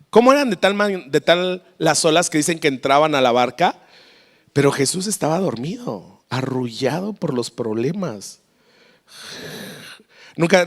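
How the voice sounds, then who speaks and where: A Mexican man preaching a lively, story-filled sermon as pastor, with a Mexican Spanish accent, in a church. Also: fairly high pitch, big-room sound. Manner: lively, storytelling, acts out voices.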